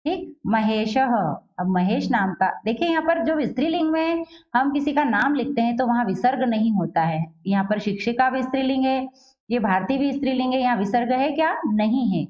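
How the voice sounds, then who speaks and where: A woman teaching a Sanskrit lesson in Hindi who asks questions and answers them herself, reading the Sanskrit lines slowly and carefully. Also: a little high, expressive, highs cut off.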